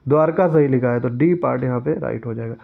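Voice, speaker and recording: A man's voice: medium pitch, fast, vocal fry. A man teaching an exam-prep lesson who reads each question aloud and then corrects it step by step. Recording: tinny phone-like sound.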